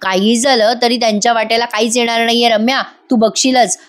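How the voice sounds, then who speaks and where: A woman's voice: fairly high pitch, steady tone, fairly quick, natural voice. A woman voicing a scheming older aunt who boasts about her plotting in a TV drama retelling. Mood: smug. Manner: smug, plotting.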